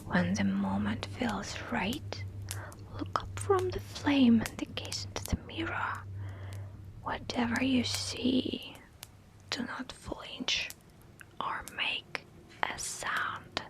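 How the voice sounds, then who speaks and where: Female ASMR storyteller for a horror tale: hushed whisper, creaky edge, soft and deliberate. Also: fairly high pitch, lively intonation, poor audio.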